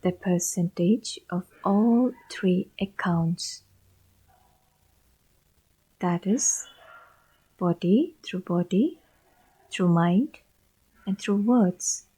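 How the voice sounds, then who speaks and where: A woman giving a live interpreter voice, translating a sermon phrase by phrase in short measured lines with pauses, her voice breathy and at times whispery. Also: lowish voice, warm tone, low-quality recording.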